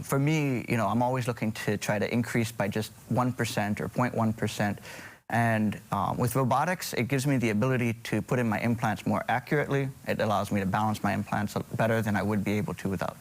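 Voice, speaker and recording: Man from Hawaii, middle-aged, TV guest surgeon, hesitant, slightly low voice. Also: fairly even intonation, a little fast. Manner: hesitant, many ums and restarts. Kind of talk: TV morning show interview.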